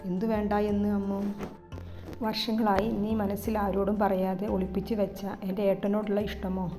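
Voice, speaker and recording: A woman voicing a lively, mischievous young woman who is a teasing best friend, speaking in a cheeky way. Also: medium pitch, moderate pace, over music, natural voice.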